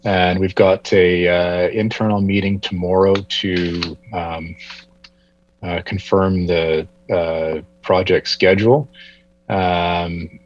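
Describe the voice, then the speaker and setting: A man gives an informal meeting update in a low, monotone voice. He speaks haltingly with frequent hesitations, and the audio is dull. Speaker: transportation manager.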